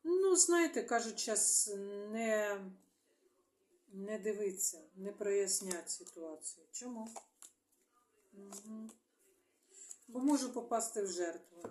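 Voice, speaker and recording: Ukrainian tarot lady talking to herself on video, lots of pauses and mm-hms, mid pitch, echoey room. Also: fairly even intonation, darkish tone. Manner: halting, thinking aloud, mumbled agreements. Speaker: tarot reader. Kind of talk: solo video monologue.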